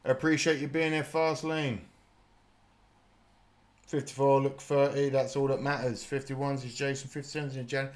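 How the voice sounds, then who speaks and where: A man's voice: medium pitch, flat delivery, moderate pace. Brief: a casual British streamer in his thirties with a mid-range voice, loose and jokey, swears freely. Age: 30s. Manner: chatty and jokey, laughs often, swears casually. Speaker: streamer hosting a watch party. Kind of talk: live reaction chat.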